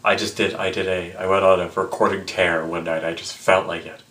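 A man in his twenties vlogs in a lowish voice, audibly tipsy. He rambles in a casual, halting way, circling back over his own words. Small asides come out with mock indignation. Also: flat delivery, fairly bright tone. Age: 20s. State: tipsy from drinking. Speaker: vlogger. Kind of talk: casual rambling vlog to camera. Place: small indoor room with block wall, seated close to camera.

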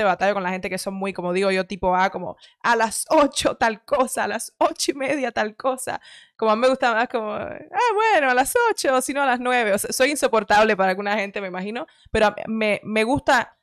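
Opinionated and quick, a Cuban woman in her thirties chats her way through casual commentary as she reacts to clips, often correcting herself as she goes; her accent is a light Cuban Spanish. The medium-pitched voice sounds dry. She records in a home studio room with shelves, using a headset and a studio mic mounted on an arm.

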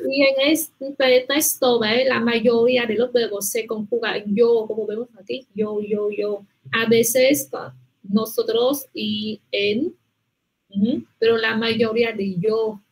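A woman's voice: fairly high pitch, steady tone, slow, husky, poor audio. A woman teaching a language class, patiently praising students and checking with them often. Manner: patient, repeats "muy bien" and "¿vale?" often. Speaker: Spanish teacher.

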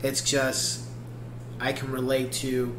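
A man's voice: mid-range voice, completely flat delivery, background noise. Man musing in an echoey room. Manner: halting, thoughtful, many restarts. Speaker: album reviewer. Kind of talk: casual spoken album review. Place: small home room, seated indoors.

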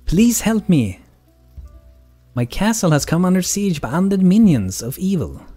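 An ancient guardian spirit from a fantasy video game , read out by a man. It speaks formally and earnestly, weary and pleading for aid. Soft music plays behind the voice. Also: sits high, very animated, a little slow, slightly rough, voice pushed up, heavily acted. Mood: urgent pleading. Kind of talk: reading video game dialogue aloud.

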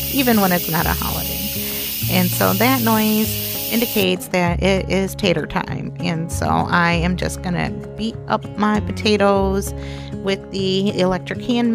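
Over background music, a cooking vlog host talks casually through her home cooking, chatty and homey with little laughs. Her mid-range voice has a creaky quality.

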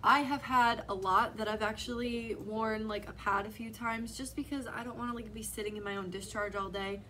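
A woman's voice: on the high side, fairly even intonation, normal speed, pushed and bright, a little hiss or hum, low-quality recording. A young adult woman talking casually to camera as a vlogger, speaking frankly and reassuringly and saying "like" a lot. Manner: frank and reassuring, heavy use of "like". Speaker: vlogger, pregnant mother.

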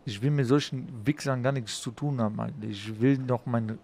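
A man's voice: medium pitch, moderate pace, a little mellow, natural voice. A man playing a brash young street tough in a crime role-play game, retelling a quarrel in slangy, swaggering talk. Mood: indignant.

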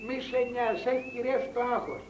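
An actor playing a smooth-talking, scheming professional false witness who haggles persuasively. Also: male voice, very high voice, fairly even intonation, a little hiss or hum. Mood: haggling. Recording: roomy 1980s film soundtrack.

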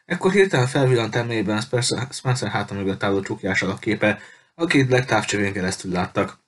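A man reading a novel chapter aloud in steady, measured narration, with the odd small stumble. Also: lowish voice. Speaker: audiobook reader. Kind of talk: scripted narration.

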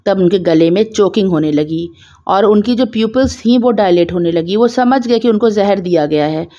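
A woman retells a detective story in a relaxed, conversational way, adding small explanatory asides as she goes. Her voice sits at an ordinary middle pitch. The recording is a little dull and lo-fi. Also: normal speed.

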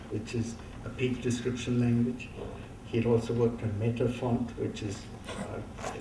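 A man, giving a conference keynote in a halting, reminiscing way with many fillers. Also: mid-range voice, mellow, a little hiss or hum. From India. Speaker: keynote speaker. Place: large dark auditorium stage. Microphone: lectern microphone, heard from far off. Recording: roomy hall sound from a distant camera.

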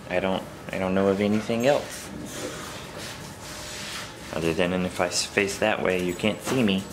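Young man, very low voice, casual rambling vlog talk, noisy camera audio with car hum. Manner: rambling, relaxed, filler-heavy. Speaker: vlogger. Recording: noisy home video, car noise.

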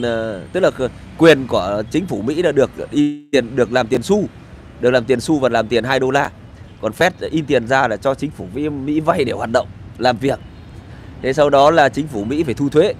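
Out on the street, this middle-aged vlogger delivers a casual rant full of sarcasm, crudeness and cursing, wandering from point to point. He speaks at normal speed with a medium-pitched voice, over a slight hiss or hum.

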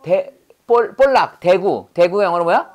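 A woman's voice: on the low side, animated, normal speed, darkish tone. A woman teaching English vocabulary in a lesson, drilling words by repeating them and quizzing her students. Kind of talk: call-and-response language lesson.

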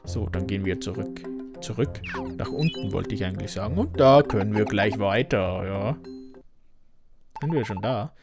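A man giving relaxed, chatty commentary while playing a video game. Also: on the low side, normal speed, music in the background. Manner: relaxed, chatty, frequent laughs. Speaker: let's play host. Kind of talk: casual gameplay commentary.

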